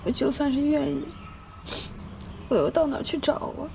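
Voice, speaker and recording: High pleading girl, upset, near tears. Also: moderate pace, vocal fry, mellow, a little hiss or hum. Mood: anxious. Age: young adult. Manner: pleading, distressed. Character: tearful, anxious young woman. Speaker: goddaughter. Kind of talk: TV drama acting.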